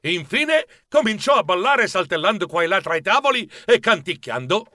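Animated male storyteller for kids' audiobook; raised, expressive voice, dry studio read. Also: high-pitched, moderate pace, no echo. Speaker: audiobook narrator. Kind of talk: expressive children's audiobook narration.

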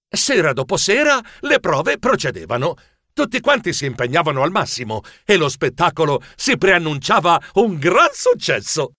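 An actor playing an anxious, fussy male mouse telling his own story in an audiobook, expressive and easily flustered. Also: a little high, moderate pace, no echo, clean studio sound, heavily acted. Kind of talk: audiobook narration.

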